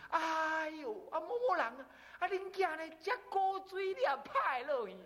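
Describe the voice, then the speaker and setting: A man voicing a shrill older neighbor woman exclaiming in Taiwanese Hokkien. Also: lively intonation, measured pace, a bit bright, heavily acted. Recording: long hall reverb, distant.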